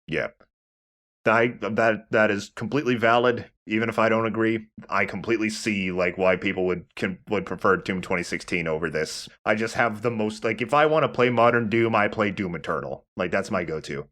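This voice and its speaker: A let's play host with a fairly low, slightly bright voice offers casual gaming commentary. He talks conversationally and haltingly, working out his thoughts about games as he goes.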